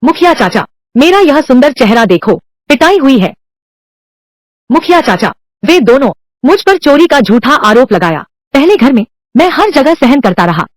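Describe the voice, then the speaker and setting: A woman's voice: high voice, big pitch swings, moderate pace, no echo. A woman voicing a shrewd, scheming young village man in a dubbed drama, indignant and sly. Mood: aggrieved.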